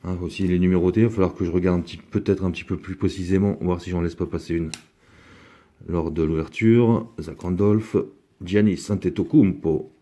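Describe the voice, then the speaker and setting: A man's voice: low voice, steady tone, fairly quick, dark tone. A man giving casual, rambling commentary as he opens a box of trading cards, talking with many fillers. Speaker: card collector opening a box.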